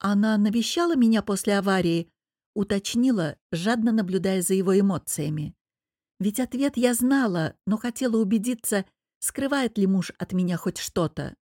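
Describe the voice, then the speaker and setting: Female audiobook narrator, mid-pitched, mellow tone, dry close-miked read, measured. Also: dry recording. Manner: measured, even storytelling. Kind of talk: first-person audiobook narration.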